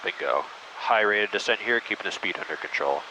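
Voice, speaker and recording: A man giving calm flight instruction over a cockpit intercom, encouraging and coaching step by step. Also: fairly low pitch, a little fast. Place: small airplane cockpit in flight. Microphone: aviation headset. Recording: noisy aircraft cockpit intercom.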